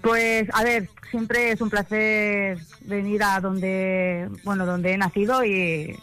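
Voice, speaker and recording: Bright-voiced woman, a hesitant singer interviewed. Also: medium pitch, little pitch movement, slow pace, faint music behind. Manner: hesitant, restarting sentences. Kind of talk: casual interview chat.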